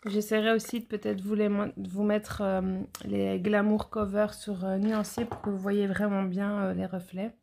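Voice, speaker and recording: A woman talks through a beauty haul in a loose, chatty way. She pauses often on fillers and keeps turning to address her viewers directly. Her voice carries a noticeable gravelly fry and sits at an ordinary middle pitch. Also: flat delivery, darkish tone. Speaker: nail educator. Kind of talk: casual product haul vlog.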